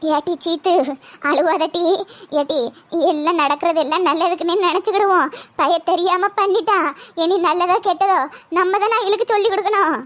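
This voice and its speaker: A very high, squeaky village neighbour woman, acted by a cartoon voice actor. She coaxes in a motherly way, in a dry, close recording. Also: steady tone, fairly quick, fairly bright tone, no room sound. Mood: soothing. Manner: coaxing, motherly. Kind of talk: cartoon voice acting.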